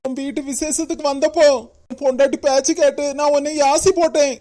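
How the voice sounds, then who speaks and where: A woman voices a cartoon's remorseful, stern older brother, the head of the family, in a Kanyakumari Tamil accent, shifting from emotional pleading to scolding. Her voice sits high with fairly even intonation, brisk and warm, and the acting is light.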